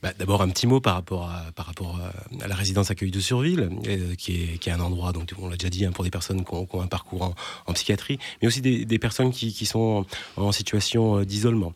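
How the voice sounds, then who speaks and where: A man, a social worker at a housing residence, speaking as a radio guest, halting and repeating words as he searches. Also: sits low, steady tone, darkish tone, breathy edge.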